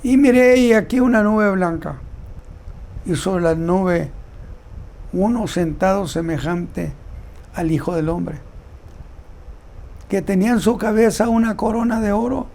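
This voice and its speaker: A man giving a Bible teaching sermon, reading scripture aloud and commenting on it in a slow, deliberate way. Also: high voice, vocal fry, a little mellow. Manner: slow, deliberate delivery with repeated words. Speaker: preacher.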